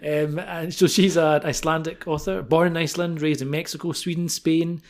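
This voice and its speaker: Man, podcast co-host, cheerful and easygoing, a bit of gravel in the voice. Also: on the high side, fairly even intonation. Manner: upbeat, light-hearted, quick to laugh. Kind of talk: casual podcast intro chat.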